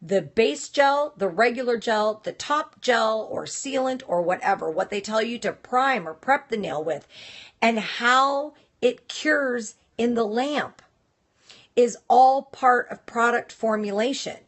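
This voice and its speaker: A woman's voice: fairly high pitch, animated, slow. Chatty woman hosting a live stream. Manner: chatty and direct, reacting to viewers. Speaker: host of a nail industry live stream. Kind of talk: casual live-stream talk.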